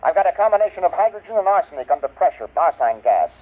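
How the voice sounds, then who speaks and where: An urgent, husky station major. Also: male voice, high voice, very animated, fast talker. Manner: urgent, explanatory. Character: urgent male major leading a station crisis. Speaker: base officer and scientist. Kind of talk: 1950s radio drama acting. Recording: tinny old radio broadcast.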